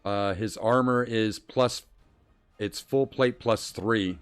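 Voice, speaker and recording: Male game streamer with a lower-register voice, muttering casually through live play commentary and on-screen text. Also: slow pace, smooth, soft background music. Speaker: streamer playing a role-playing game.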